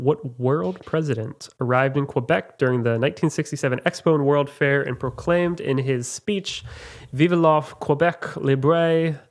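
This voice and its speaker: A man hosts a relaxed trivia podcast and reads each question aloud. He talks in a chatty, halting way, with frequent fillers, and laughs easily at his own slips. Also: medium pitch. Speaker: trivia quiz host. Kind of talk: casual podcast quiz.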